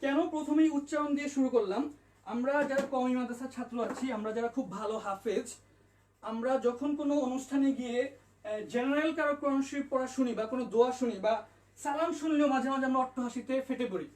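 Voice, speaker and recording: A man's voice: very high voice, quick pace. A man teaching an online language lesson, patiently repeating and spelling out each letter sound. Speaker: English tutor. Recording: echoey room, mic at a distance.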